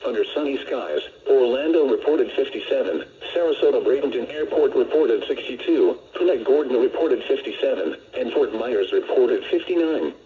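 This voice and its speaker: An American man's synthetic-sounding voice reads a scripted weather report as a radio announcer, measured and impersonal yet animated, at medium pitch. It comes through as a muffled, lo-fi weather radio broadcast.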